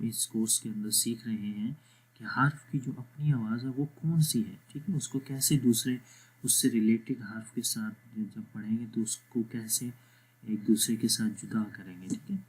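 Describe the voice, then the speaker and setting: A man teaching Quran recitation, patient and steady, who stretches sounds out slowly to demonstrate them and often checks in with his students. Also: mid-range voice, slightly rough, poor audio. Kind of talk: spoken lesson with recitation drills.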